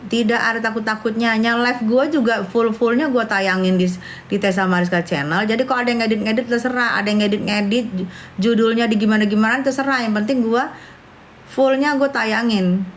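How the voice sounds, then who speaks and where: A livestream host chats casually with her viewers in a brash, scornful way, calling them darling. Her voice is fairly high and brisk, with slight background noise.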